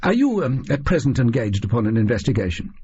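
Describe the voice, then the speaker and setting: A man's voice: medium pitch, sing-song, quick pace, mellow, husky, muffled recording. A man playing an earnest, easily flustered Victorian doctor in an audiobook, formal and incredulous, with a stammering manner.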